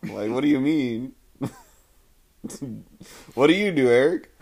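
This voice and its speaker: A man's voice: mid-range voice, animated, slow, a little mellow. A young man as a podcast guest, chatting casually in a blunt, teasing way. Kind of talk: casual chat.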